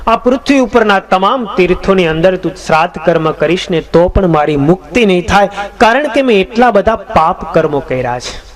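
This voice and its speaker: A man's voice: high-pitched, animated, moderate pace. A man voicing a weeping ghost. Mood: pleading. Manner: pleading, weeping. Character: tormented ghost of a wicked young man.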